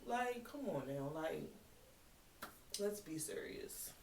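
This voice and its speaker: A woman's voice: mid-range voice, expressive, takes it slowly. A woman in her thirties talking bluntly and heatedly to her channel, swearing freely. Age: 30s. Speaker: vlogger. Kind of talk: casual monologue. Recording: echoey room, mic at a distance, faint hiss.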